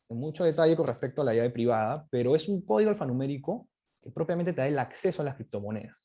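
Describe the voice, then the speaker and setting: A man's voice: fairly high pitch, warm tone, husky. A man giving a lecture with slides, explaining step by step and often ending points with a tag question. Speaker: guest speaker on crypto economics.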